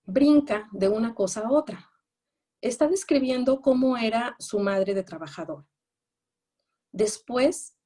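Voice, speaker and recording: A woman's voice: mid-range voice, darkish tone. A woman giving a psychology lecture, explaining patiently and often checking that her listeners follow. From Mexico. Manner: explanatory, checks understanding with rhetorical questions; reads out quoted phrases in raised, acted tones. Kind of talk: lecture on attachment narratives.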